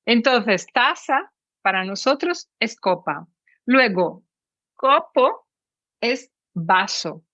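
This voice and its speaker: Woman, higher voice, dry, muffled sound. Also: slow pace, no echo. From Brazil. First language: Portuguese. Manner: lively, explains with examples. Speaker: guest, Spanish teacher. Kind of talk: explanatory interview talk.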